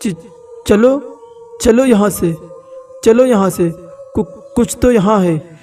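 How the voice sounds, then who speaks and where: A man voicing a terrified grown man who stutters and speaks in a hushed, shaky voice. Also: high voice, takes it slowly, distant mic, soft background music.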